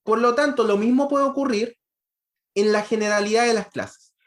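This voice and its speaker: A man with a high-pitched voice delivers an online university lecture on programming at a normal pace. He walks through the material step by step, frequently pausing to pose rhetorical questions to his listeners.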